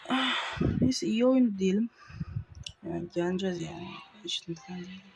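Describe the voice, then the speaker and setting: A woman giving live commentary over her own gameplay, excitable and boastful, shouting and cursing at the game. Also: mid-range voice, normal speed, gravelly. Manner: boastful, trash-talking opponents. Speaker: gaming video creator.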